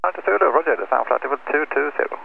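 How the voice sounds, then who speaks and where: A man's voice: fairly high pitch, expressive, very fast, vocal fry, narrow, tinny audio. A man working as an air traffic controller, giving standard phraseology over the radio. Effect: radio transmission. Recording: thin radio link, faint static.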